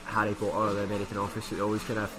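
Fast-talking man, broad Glaswegian Scottish accent. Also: on the low side, completely flat delivery, crowd noise. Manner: colloquial Scots slang, rambling. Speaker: podcast guest. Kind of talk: casual chat on a podcast.

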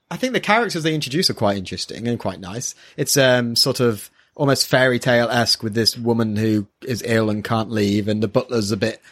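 Speaking at medium pitch with a fairly bright tone, this podcast co-host is reading manga for the first time. His casual review comments come out hesitant as he gropes for the right words, picked up on a built-in mic.

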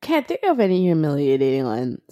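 A woman's voice: low-pitched, wildly swooping pitch, brisk, mellow. A woman in her thirties co-hosting a podcast, talking candidly and bluntly in casual chat, giggling often. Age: 30s. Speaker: podcast host.

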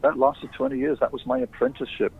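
A man from England, a guest musician, telling stories in a relaxed, plain way. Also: on the high side, quick pace, gravelly, slightly rough. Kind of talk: casual interview chat. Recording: tinny phone-like line.

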